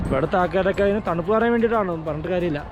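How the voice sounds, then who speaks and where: A man's voice: high voice, racing, highs cut off, music in the background. A man casually narrating a travel vlog outdoors, mixing English words into Malayalam with enthusiastic slangy exclamations. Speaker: travel vlogger. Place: outdoors at a cold mountain tourist valley.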